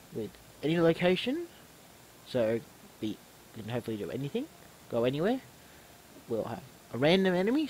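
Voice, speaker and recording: Congested from a cold, a man gives casual commentary on his own video game match, rambling a lot, restarting words, and pausing to correct himself. His voice is mid-range and a little mellow, and the poor audio carries a slight hiss or hum.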